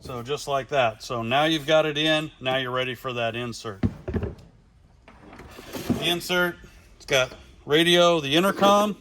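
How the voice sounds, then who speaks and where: In a garage workshop, a man presents a casual, hands-on installation demonstration for a radio company, using plain, informal language. His voice is a little high and a little slow, with long pauses and background noise.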